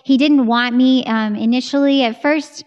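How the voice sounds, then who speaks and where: An American woman in her thirties, a singer, chats eagerly in a casual video-call interview. Her voice sits a little high and she talks with her hands, close to a studio mic in a room at home. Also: steady tone, moderate pace, darkish tone, clean tone, dull audio. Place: home room with curtain backdrop. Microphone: studio mic on a boom arm.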